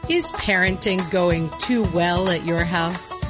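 A woman playing a mock-earnest infomercial announcer, deadpan and salesy, in a scripted parody ad. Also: fairly low pitch, takes it slowly, over loud music.

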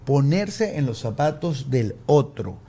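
A man, a podcast guest telling stories in lively casual conversation, acting out voices as he goes. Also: medium pitch, takes it slowly. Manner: animated storyteller, acts out quoted voices. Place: recording studio.

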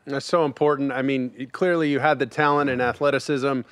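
A man's voice: mid-range voice, steady tone, a little fast, fairly bright tone, clear, resonant tone, no room sound. A man hosting a casual podcast interview, asking questions in a chatty, upbeat way. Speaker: podcast host.

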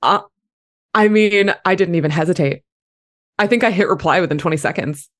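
A woman's voice: lowish voice, a little fast. A woman podcast host chatting casually in an informal, emphatic, joking way. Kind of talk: casual chat.

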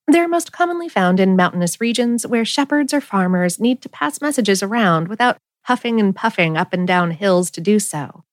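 A woman's voice: mid-range voice, no echo, clean studio sound. A woman podcast host reading a scripted explanatory narration.

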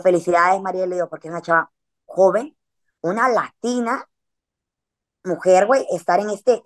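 A woman, chatting casually as a podcast guest and telling a story in a slangy way, with frequent filler words. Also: mid-range voice.

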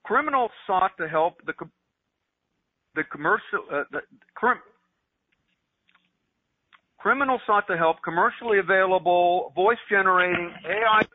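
A man's voice: high voice, dry recording. An older man co-hosting a tech radio show, calling in by phone and reading news items with many restarts and fillers. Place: at home, calling in remotely. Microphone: phone headset. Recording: tinny phone line.

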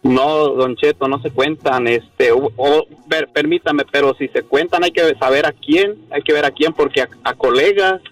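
A man's voice: fairly high pitch, moderate pace, dry recording. Hesitant male radio caller. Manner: hesitant, earnest. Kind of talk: radio call-in. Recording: dry distant call with faint music.

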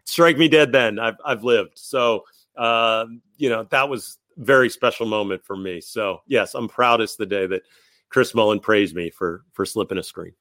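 A man's voice: fairly low pitch, moderate pace, fairly bright tone, no echo. Enthusiastic rambling man, dry sound. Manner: rambling, repeats words, enthusiastic. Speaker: podcast guest. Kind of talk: casual interview storytelling.

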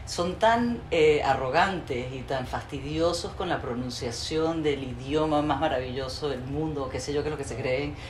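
A woman with a Venezuelan Spanish accent hosting an interview, animated and opinionated. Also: low-pitched, normal speed, hardly any pauses, a little hiss or hum. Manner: animated, opinionated, colorful speech. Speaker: interview host. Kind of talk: casual interview chat. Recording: roomy with faint ambience.

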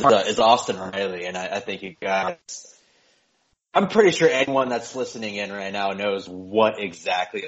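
A man co-hosting a sports podcast, chatting eagerly and joking as he talks. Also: on the low side. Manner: enthusiastic, chatty, jokes and self-censors. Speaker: podcast co-host. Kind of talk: casual podcast chat. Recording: dull lo-fi sound.

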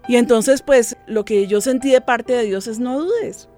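A woman, a guest on a program, giving an earnest, reflective personal faith testimony and sometimes dropping to a soft voice. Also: a little high, steady tone, moderate pace, soft background music.

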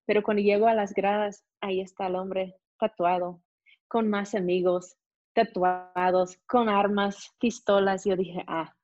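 A young woman with an American accent and native English, telling a lively story as an interview guest and acting out the people in it. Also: mid-range voice, unhurried, no echo. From United States. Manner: animated, acts out voices in her story. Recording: dull, muffled sound.

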